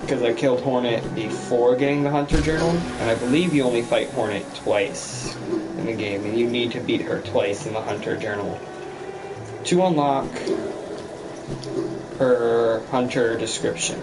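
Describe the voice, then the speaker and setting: A man's voice: mid-range voice, moderate pace, noisy background. A man streaming a game with casual commentary, rambling as he thinks aloud. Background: loud game music.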